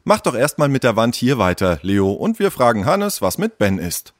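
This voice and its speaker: A man's voice: mid-range voice, big pitch swings, moderate pace, dry recording, clean studio sound, natural voice. A man voicing a grumpy, cautious young boy in a children's story. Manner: grumbling, doubtful.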